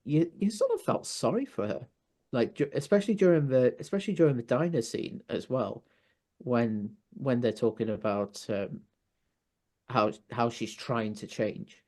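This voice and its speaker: A man with a North Welsh accent, a podcast guest chatting casually, hesitant with many pauses and restarts. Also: mid-range voice, mellow. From North Wales. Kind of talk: casual chat.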